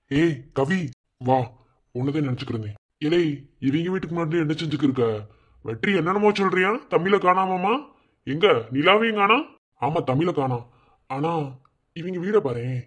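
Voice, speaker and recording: A worried village man, protective of his family, voiced by a man. He has a Madurai accent and a slightly raised pitch. He alternates between reassuring others and muttering over his suspicions. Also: husky. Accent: Madurai Tamil. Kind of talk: cartoon voice acting.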